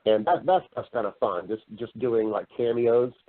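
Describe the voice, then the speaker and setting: Animated and speaking at normal speed, this medium-pitched man is an actor and voice-over artist being interviewed. He chats casually and loves long, anecdotal explanations; the audio is narrow and lo-fi, like a phone call.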